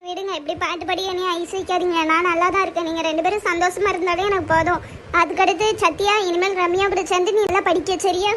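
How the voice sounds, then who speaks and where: A woman voicing a fretful mother scolding her two teenage daughters in a cartoon comedy, her words shrill and rising when upset. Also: level tone, fast talker, fairly bright tone, a little hiss or hum. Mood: tender.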